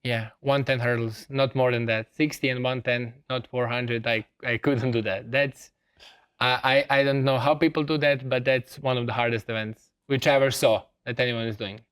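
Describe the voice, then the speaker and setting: A young man from Serbia answers a host's questions in English with a Serbian accent, in a smooth, clear voice. He talks earnestly and pauses often to find his words, sitting as a guest in a television studio. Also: medium pitch, steady tone, fairly bright tone. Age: young adult. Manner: earnest, with many hesitations. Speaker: student athlete guest. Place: TV studio set.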